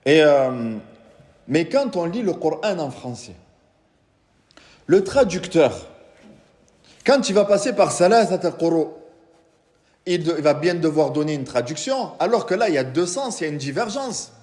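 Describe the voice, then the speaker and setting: Lecturing on religion before a live audience, this imam patiently explains, asks the room questions, and recites Quranic Arabic. He has a slightly high, sing-song, somewhat mellow voice, speaking at normal speed with long pauses. The recording carries the reverb of a large hall.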